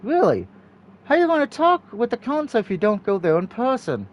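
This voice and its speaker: Male reader as cunning female witch prisoner for a story game: high, playful, taunting, very animated. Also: brisk, highs cut off, exaggerated voice. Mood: teasing, sly. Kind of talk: visual novel dialogue read aloud.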